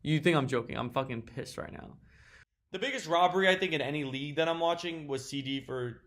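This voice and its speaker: A man's voice: a little high, brisk, a bit bright. A man giving a casual, mock-serious rant as a league commentator, sarcastic and swearing, with sudden exasperated outbursts. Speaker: fantasy football league commentator.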